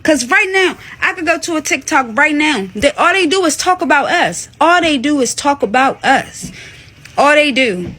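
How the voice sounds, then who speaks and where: A woman's voice: high-pitched, lively intonation, normal speed, a bit bright. A woman ranting to camera in a casual, exasperated way, repeating her points. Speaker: social media commentator.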